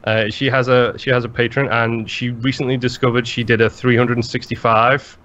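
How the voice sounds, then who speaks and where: A man co-hosting a podcast in casual chat, rambling and animated, swearing freely. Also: medium pitch, normal speed, slight background noise. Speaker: podcast co-host. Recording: slightly dull lo-fi sound.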